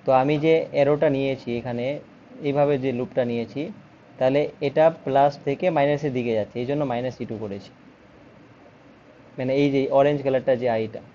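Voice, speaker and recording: A man's voice: mid-range voice, fairly even intonation, fairly quick, mellow, lo-fi sound, slight background noise. A man with a Bengali accent teaching a physics lesson, patiently explaining step by step.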